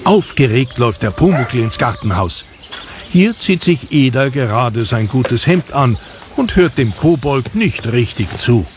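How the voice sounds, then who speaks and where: A man's voice: medium pitch, expressive, unhurried, noisy background. A man narrating a scripted children's story as the narrator. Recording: music behind the voice.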